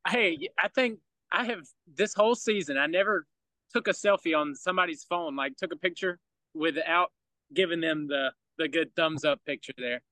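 A man's voice: on the high side, normal speed, pushed and bright, no room sound, rough recording. A young man from Georgia with a Southern country accent, chatting as a podcast guest and telling laid-back stories with frequent chuckles. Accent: Southern US, rural Georgia. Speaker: podcast guest, baseball player. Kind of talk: casual interview chat.

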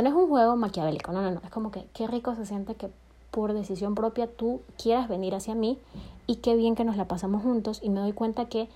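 A woman vlogging about relationships, talking casually and acting out quoted lines with lively shifts in voice. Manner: expressive, acts out quotes with shifting pitch and loudness; frequent fillers and self-corrections, laughs often. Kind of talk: casual confessional vlog.

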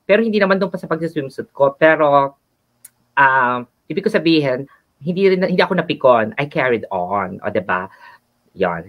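This man co-hosts a casual show in Taglish and also works as a nurse, chatting in a flamboyant, giggly way. His voice sits a little high with a fairly bright tone, and the recording has a dull, lo-fi sound.

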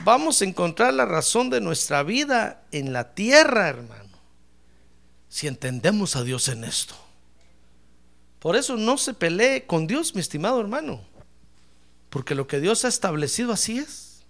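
A man's voice: high voice, big pitch swings, normal speed, gravelly, pauses often. A man preaching a sermon as pastor, calling out praise and addressing listeners as brother. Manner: fiery preaching, shouting praise.

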